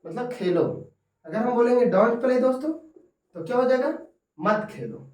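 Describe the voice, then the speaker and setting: A man teaching English grammar in Hindi, repeating each example slowly and often calling his viewers friends. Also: very high-pitched, lively intonation, darkish tone, recorded from a distance. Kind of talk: Hindi-medium grammar lesson. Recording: echoey room, voice from off-mic.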